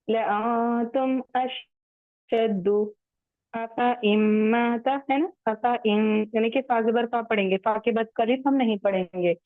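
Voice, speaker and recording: A woman teaching Quran recitation in an online class, patiently explaining rules step by step and chanting the verses slowly. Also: a little high, dry recording. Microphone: online call audio. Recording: tinny phone-like line, dry.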